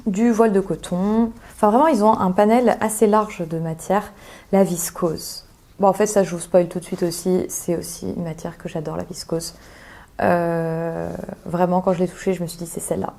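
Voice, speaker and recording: A woman's voice: lowish voice, warm tone. A young woman chatting casually as a sewing vlogger, thinking aloud with lots of hesitations as she describes fabrics. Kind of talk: casual chat.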